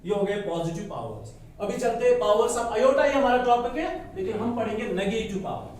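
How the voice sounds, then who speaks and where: High-voiced man teaching in an echoey classroom. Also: expressive, fairly quick, darkish tone. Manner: explains step by step, asks the class questions and has them answer; mixes English into his sentences. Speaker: maths teacher. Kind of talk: classroom lecture. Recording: echoey classroom from far off with faint noise.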